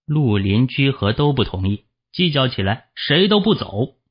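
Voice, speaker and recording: A man narrating a fantasy novel as an audiobook, with expressive storytelling, in a dull lo-fi recording. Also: mid-range voice, a little slow, husky.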